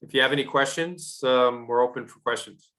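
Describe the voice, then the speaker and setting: A man training ushers in a casual question-and-answer session, talking haltingly with many fillers. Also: medium pitch, fairly bright tone. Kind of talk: casual Q&A on a video call.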